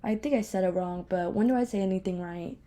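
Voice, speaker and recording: A young woman with a speech impediment talks by herself on her podcast, rambling casually and candidly while making fun of herself. Her mid-range voice is mellow and quick, and she's in a home office.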